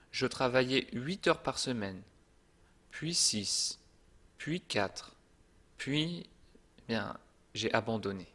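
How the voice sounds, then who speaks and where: A man narrating a French lesson in a calm, deliberate, scripted manner. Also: mid-range voice. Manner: slow and deliberate, calm reassuring delivery. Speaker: French teacher.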